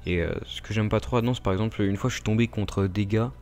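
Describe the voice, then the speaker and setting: Casual French gamer rambling over gameplay. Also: male voice, on the low side, steady tone, fast, darkish tone, soft background music. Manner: rambling, filler-heavy, addresses viewers directly. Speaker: gaming YouTuber.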